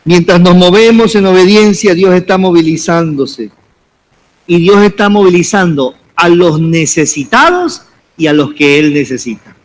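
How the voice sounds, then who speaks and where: A man's voice: sits high, expressive, moderate pace. A man preaching as pastor, repeating calls to the congregation and addressing them as brother. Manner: preaching with repeated, rising exhortations. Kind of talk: sermon.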